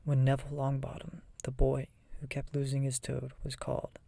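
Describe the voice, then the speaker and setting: Soft whisper, ASMR audiobook reading, dark mellow tone, flat intonation, breathy murmur. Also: mid-range voice, moderate pace, no room sound. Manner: soft whisper, often voiceless. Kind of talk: whispered ASMR reading of a children's fantasy novel.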